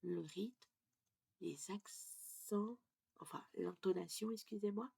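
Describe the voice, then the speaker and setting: Slow, gravelly-voiced French pronunciation teacher. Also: female voice, mid-range voice, mellow. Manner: explains step by step, checks in with "ok?"; slow, deliberate delivery. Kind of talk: casual lesson.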